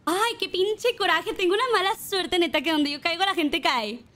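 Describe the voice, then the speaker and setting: A woman's voice: extremely high pitch, moderate pace, fairly bright tone. A young woman with a Mexican accent, streaming a game and chatting casually, swearing and singing along now and then. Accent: Mexican Spanish.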